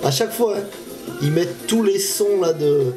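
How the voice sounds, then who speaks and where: A man's voice: high-pitched, animated, moderate pace. A man hosting a fishing channel, giving casual, slangy reaction commentary and laughing often. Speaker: YouTube fishing channel host. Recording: music from the reacted video behind.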